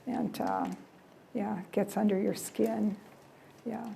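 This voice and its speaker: Speaking slowly in a sing-song, creaky voice of medium pitch and dark tone, an older woman from the United States delivers a relaxed travel presentation to a library audience, taking their questions. She's chatty, repeats words and lets sentences trail off with "yeah", with slight background noise in the room.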